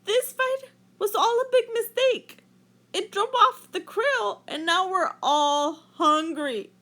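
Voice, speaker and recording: A woman's voice: very high-pitched, slow pace, a bit bright, pitched above the performer's own voice, full character voice. A woman voicing an earnest, peacemaking male storybook fish with a pleading, emphatic way of talking.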